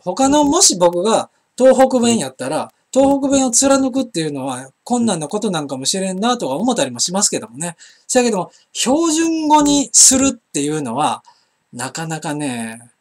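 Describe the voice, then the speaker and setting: Chatty Osaka-accented man with lively pitch. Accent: Kansai (Osaka). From Osaka, Japan. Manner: chatty, rambling, frequent fillers and restarts. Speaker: internet broadcast host. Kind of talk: casual solo live-stream chat, reading viewer comments.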